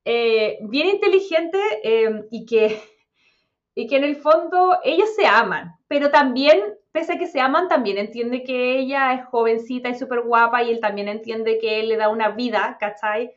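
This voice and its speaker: High-voiced Chilean woman chatting fast. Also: muffled recording. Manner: chatty, fast, full of slang fillers. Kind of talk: casual chat.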